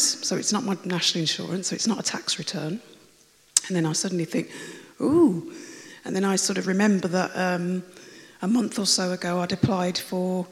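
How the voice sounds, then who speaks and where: Raspy, croaky woman in a reverberant hall. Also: on the low side. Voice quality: raspy, croaky voice that always sounds like a cold. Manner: chatty and rambling, with many fillers and restarts. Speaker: church member giving a testimony. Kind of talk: personal testimony told to a congregation. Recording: long reverb of a large hall.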